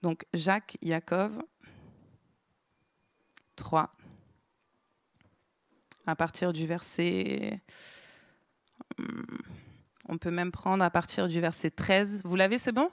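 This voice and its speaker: A woman's voice: lowish voice, takes it slowly, long pauses, no room sound, clean studio sound. Woman teaching a small Bible group. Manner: asks the group questions, writes on a board. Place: meeting room with a small group.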